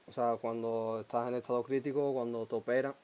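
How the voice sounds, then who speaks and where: A man's voice: mid-range voice, little pitch movement, brisk, a little mellow, clean tone. A man hosting a casual podcast chat, summing up and prompting his guest with short questions. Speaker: podcast host.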